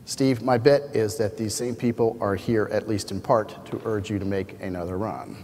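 An American man in his fifties reads a formal, measured introduction speech from a podium as event host. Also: lowish voice, a little mellow. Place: large indoor hall at a podium. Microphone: podium microphone. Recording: echoey hall with ambient noise.

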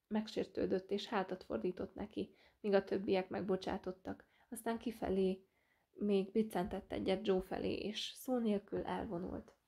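A woman narrates a classic novel for an audiobook at a steady, even pace. Her voice is mellow and dark, with a gravelly edge that keeps showing through, and she reads the dialogue in only slightly altered voices. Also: medium pitch. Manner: reads several characters in lightly changed voices.

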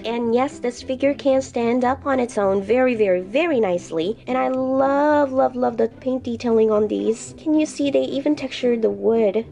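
This woman's voice sits fairly high, a little mellow, with vocal fry. She's recovering from the flu and breathes heavily as she unboxes toy figures in a laid-back vlog, gushing and doubling up words to stress them.

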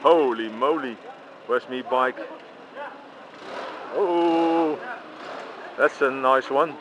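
Filming with a handheld camera at a busy bike parking by a street, a Dutch-accented vlogger keeps up casual walking commentary and exclaims often. His medium-pitched voice is extremely slow, and the camera mic picks up a noisy outdoor street recording.

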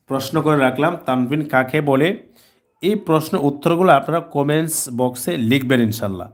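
A man teaching Quran reading, spelling out syllables slowly, repeating them and answering his own questions. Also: a little high. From Bangladesh. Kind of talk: spelling-out recitation lesson.

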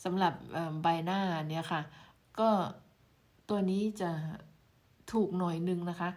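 A woman's voice: lowish voice, steady tone, unhurried, darkish tone. A woman from Thailand chatting casually in a vlog as she shows and reviews homemade skin creams, exclaiming over each one. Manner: chatty, exclaiming while showing products. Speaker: beauty product reviewer.

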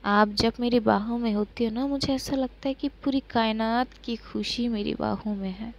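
A woman's voice: a little high, fairly even intonation, moderate pace, vocal fry, dull audio. A woman doing Maisha, a playful flirty lover. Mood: tender.

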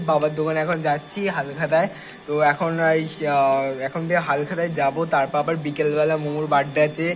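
A man's voice: a little high, slight background noise. A man chatting casually to camera in a vlog, rambling with lots of fillers. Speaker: vlogger. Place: outdoors and indoors, on the move.

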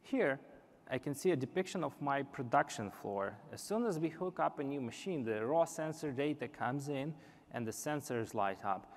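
On a large indoor conference stage, a young man gives a live product demo, explaining earnestly and restarting now and then. His medium-pitched voice has lively intonation and normal speed, and the hall is reverberant.

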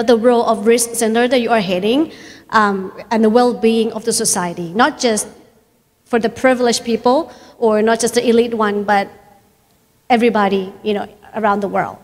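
A woman in her thirties moderating a panel on stage with a handheld mic, polite and warm, with um fillers. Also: a little high. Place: conference stage. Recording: hall reverb.

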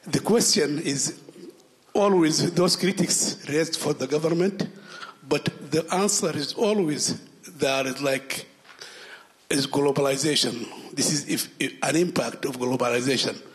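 A man, from Sudan, asking a long question in a conference hall, stumbling over repeated words. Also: a little high. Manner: halting, many repeated words and restarts. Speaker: audience member asking a question.

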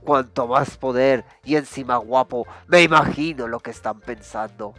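A man's voice: mid-range voice, normal speed, a bit bright, no room sound, soft background music, lightly acted. A man voicing a boastful, burly male turtle king as he reads game dialogue aloud. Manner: swaggering, self-admiring.

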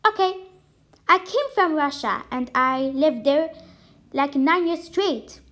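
A woman's voice: high voice, lively intonation, slow pace, fairly bright tone, exaggerated voice. A young woman voicing Estelle, an eager, friendly ten-year-old girl in a homemade cartoon, talking in a chirpy way.

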